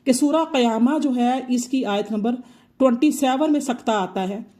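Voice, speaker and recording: Female recitation teacher, higher-pitched, patient and repetitive delivery. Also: warm tone. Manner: patient, repeats points slowly. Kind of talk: explanatory tajweed lesson.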